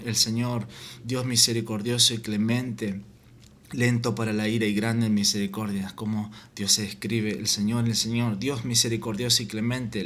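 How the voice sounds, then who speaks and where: Low, flat-voiced Spanish-speaking preacher. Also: male voice. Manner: halting, repeats words, reads scripture aloud. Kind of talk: informal Bible teaching.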